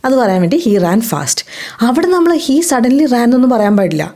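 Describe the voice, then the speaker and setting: A woman with a Malayali accent teaching a spoken English lesson. She asks questions and answers them herself, and says the English example sentences slowly and clearly. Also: fairly high pitch, sing-song, dark tone.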